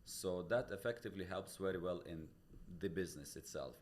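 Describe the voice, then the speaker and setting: In a casual podcast interview, a man from Tajikistan who works as a real estate broker explains himself earnestly, stepping through ideas and restarting frequently; his English carries the accent of his first language, a Pamir dialect. He sounds low, darkish and expressive, speaking fairly quickly. A studio podcast mic picks him up along with slight background noise.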